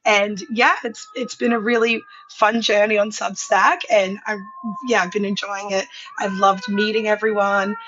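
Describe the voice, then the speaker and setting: Over a remote live call, a female guest with an Australian accent, a food illustrator, talks loosely in an online interview, sprinkling in ums, likes and small laughs while sirens sound outside her loud city apartment. Her delivery is flat and moderately paced, medium in pitch and fairly bright. The highs are cut off and there's slight background noise.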